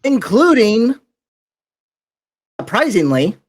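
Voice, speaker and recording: A man running a tabletop role-playing game as dungeon master, narrating at an unhurried pace. His pitch rises and falls a lot as he describes the scene, and he pauses on fillers between phrases. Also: very animated, a little hiss or hum.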